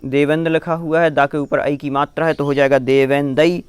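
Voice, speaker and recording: A man teaching careful pronunciation of a devotional chant, repeating each phrase slowly and then explaining it. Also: fairly high pitch, level tone, clean tone, no echo. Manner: slow, careful syllable-by-syllable chanting with quick spoken explanations. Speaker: religious recitation teacher.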